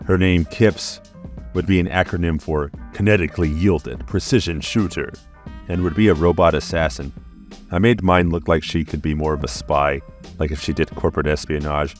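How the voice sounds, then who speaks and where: A man's voice: extremely low pitch, steady tone, normal speed, faint music behind. A young adult man hosting a comedic video, talking through design ideas with a dry, joking delivery. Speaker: YouTube host. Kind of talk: comedic commentary vlog.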